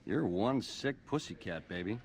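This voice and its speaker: A suave, cocky casino boss from a video game, talking in a crooning drawl full of jive slang. His pitch swings all over, lively and animated. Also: moderate pace. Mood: smooth, flirty.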